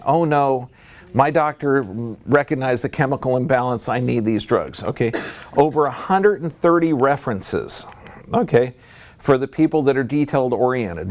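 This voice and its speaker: Speaking to a live audience in a room, a man with a darkish tone delivers his talk emphatically, leaping up in pitch to stress a point.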